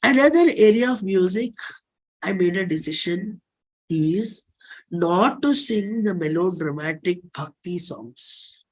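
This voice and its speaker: A performer and singer with an Indian accent gives a dramatic reading of a personal play script. The delivery is deliberate, with pauses and repeated phrases, in an animated mid-range voice.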